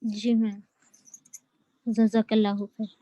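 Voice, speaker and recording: A woman's voice: mid-range voice, level tone, slow pace, warm tone, no echo. A woman student in an online class, giving brief polite answers to the teacher.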